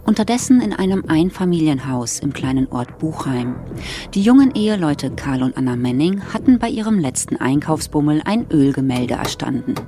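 A woman narrating a radio play in an even, measured storytelling manner. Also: low voice, faint music behind.

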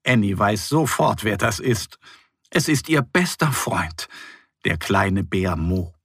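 A man reads a children's story slowly, with a lively, swinging melody and a gravelly, husky texture. His tone is bright and gentle, and the sound is close and dry. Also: lowish voice, no echo. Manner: gentle, expressive reading. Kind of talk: scripted children's story narration.

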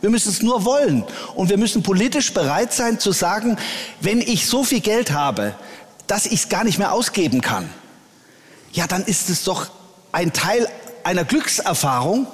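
Earnest church leader in a reverberant room. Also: male voice, sits high, very animated, moderate pace. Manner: earnest, with frequent hesitations. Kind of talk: interview answers. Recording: long reverb.

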